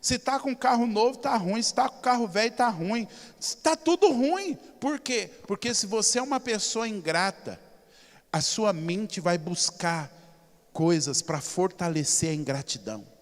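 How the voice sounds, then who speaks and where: A Brazilian pastor preaches with a high, emphatic voice, swinging from loud to soft as he tells stories. The sound hangs in a long, reverberant church hall. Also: moderate pace. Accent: Brazilian Portuguese. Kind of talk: sermon.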